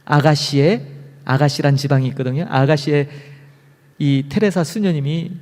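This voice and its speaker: A man pastor preaching a sermon in a church, moving from loud exclamations to hushed whispers. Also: fairly high pitch, moderate pace. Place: church sanctuary. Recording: long hall reverb.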